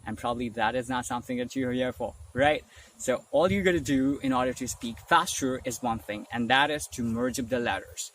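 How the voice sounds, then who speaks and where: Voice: medium pitch, fairly bright tone. Chatty speaking coach, distant faint-noise mic. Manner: chatty, asks "right?" often, slows down for examples. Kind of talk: casual online lesson.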